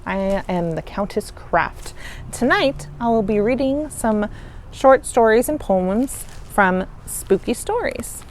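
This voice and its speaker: A woman's voice: a little high, animated, takes it slowly, noisy background. A woman playing a spooky countess, a theatrical horror host who tells stories to her little goblins. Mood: theatrical, spooky welcome. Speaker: storytelling host.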